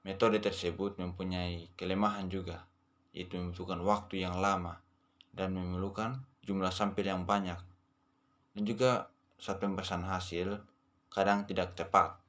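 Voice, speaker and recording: A young man with a deep voice reads through a student presentation. His delivery is flat and monotone, steady and methodical, and he sometimes stops to correct a word. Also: normal speed, long pauses. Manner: steady reading with occasional self-corrections. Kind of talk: reading a class presentation.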